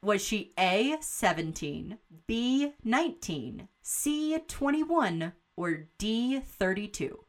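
A woman hosting a casual watch-along podcast, recapping a film and reading out trivia questions in an animated, laughing manner. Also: mid-range voice, slow, few pauses. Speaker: podcast host.

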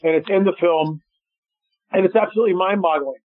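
Animated man on a phone line. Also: high voice, a little fast, no room sound. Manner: animated storyteller, acts out quotes. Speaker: guest filmmaker. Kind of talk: radio interview. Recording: dry tinny phone line.

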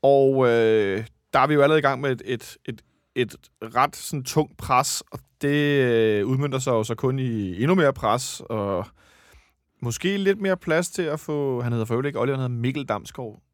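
Recorded with clean, dry studio sound, a man with a mid-range voice hosts a casual football podcast chat about a match. He rambles and keeps correcting himself as he goes.

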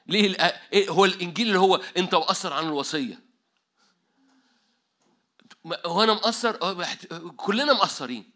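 A man in his fifties with an Egyptian Arabic accent, preaching an animated sermon full of jokes and English loanwords. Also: high voice. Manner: animated, joking, mixes English words. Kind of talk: energetic sermon.

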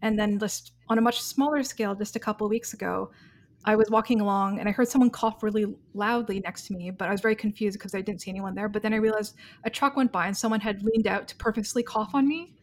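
A woman's voice: mid-range voice, fairly even intonation, fast talker. A woman hosting an interview in an enthusiastic, chatty way. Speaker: interview host. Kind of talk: casual interview conversation.

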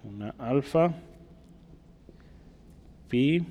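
A man's voice: mid-range voice, animated, drawn-out words, mellow, long reverb tail. Man preaching a teaching sermon. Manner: teaching, rhetorical questions, asks listeners for agreement; writes on a board while speaking.

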